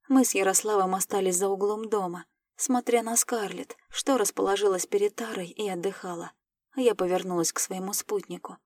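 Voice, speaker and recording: A woman reads a first-person fantasy story aloud, with playful, lively storytelling. Her voice sits at a mid pitch, recorded close and dry with no room sound. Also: dry recording. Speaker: audiobook narrator. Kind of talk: scripted first-person narration.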